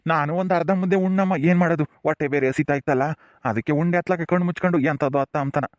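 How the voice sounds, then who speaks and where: Brief: actor as a worn, gentle old village grandpa, rustic drawl, quick delivery, dry close sound. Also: male voice, fairly high pitch, fairly even intonation, no echo, lightly acted. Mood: weary. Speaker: jail inmate's grandfather.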